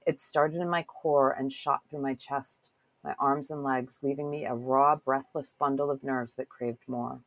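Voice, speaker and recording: A woman's voice: rumbling low, fairly even intonation, a little slow, a bit bright, no echo, poor audio. A woman hosting a casual interview with a chatty, curious, self-deprecating manner, who also reads a passage aloud. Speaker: podcast host.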